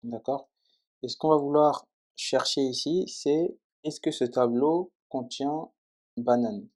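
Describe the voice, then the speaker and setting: Man, coding tutor, step-by-step explanation, dark mellow voice, keyboard clicks behind. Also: mid-range voice, slow. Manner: explains step by step, often checking with "d'accord?". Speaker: programming tutor. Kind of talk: screen-recorded coding tutorial.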